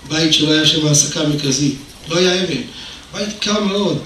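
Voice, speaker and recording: A man's voice: a little high, bright, forceful tone. An older man giving a Torah lecture, telling stories and acting out the dialogue, with emphatic bursts. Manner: storytelling, acts out dialogue, rises to emphatic bursts. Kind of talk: sermon with told anecdotes. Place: hall of a religious institution. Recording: very echoey hall, voice from far off, faint noise.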